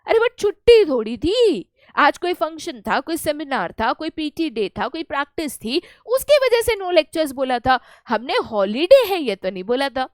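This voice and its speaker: A young Indian woman teaching an online lesson, lively and playful, acting out little scenes to make her points. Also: high voice, measured pace, dry recording, clean studio sound. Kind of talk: online lecture in Hindi mixed with English.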